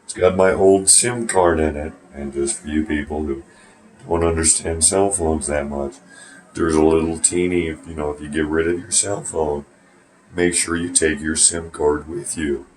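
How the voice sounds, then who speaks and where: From a small warm bathroom at home, a vlogger addresses his phone camera in a rambling, casual monologue that includes swearing and sarcasm. His bass voice is a little mellow, holding a steady tone at normal speed.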